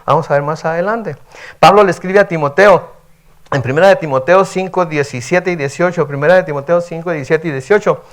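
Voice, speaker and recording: A man's voice: on the high side, brisk. A male pastor giving a midweek sermon, reading scripture aloud and explaining it in a conversational way, often checking in with the congregation. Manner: conversational, frequent "¿verdad?" tags, reads scripture aloud and explains. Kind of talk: midweek sermon, Bible teaching.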